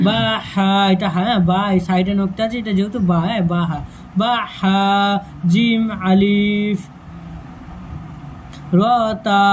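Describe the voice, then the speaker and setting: A man teaching Quran reading, calling out letters slowly one by one and explaining in quick asides. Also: sits high, a little hiss or hum, low-quality recording. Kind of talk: step-by-step reading lesson.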